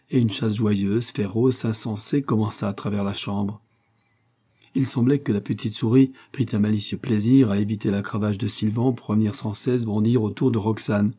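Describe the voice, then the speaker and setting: A man reading a classic novella aloud in measured, even storytelling. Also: lowish voice, husky. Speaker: audiobook narrator. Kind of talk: scripted narration of a novella.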